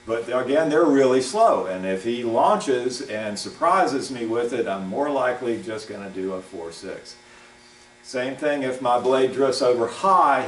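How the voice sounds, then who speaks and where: A man coaching fencing, explaining a demonstration aloud in a measured, halting way. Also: medium pitch. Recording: echoey room, distant mic, faint hum.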